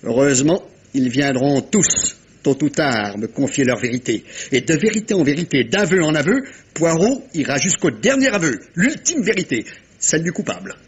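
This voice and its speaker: A male actor voices a shrewd, courteous, theatrical Belgian detective in a 1950s-style French radio mystery, his phrasing suave and teasing. The husky, slightly high voice swings widely in pitch at a normal pace, exaggerated in delivery, with a grave, knowing mood.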